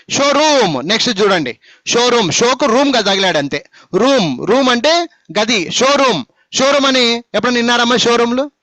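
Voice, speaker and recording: High-voiced man teasing students in a Telugu classroom. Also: bright, forceful tone, no room sound. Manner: scolding, teasing, asks students repeatedly. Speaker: spoken English teacher. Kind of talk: classroom phonics lesson.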